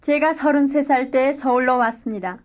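High-voiced woman reading model sentences. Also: normal speed, highs cut off. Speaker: language course speaker. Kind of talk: scripted language-lesson dialogue and drill responses.

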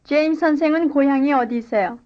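A woman reading a scripted language-lesson dialogue and drill answers in clear, careful model sentences. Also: high voice, a little fast, highs cut off. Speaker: language course speaker.

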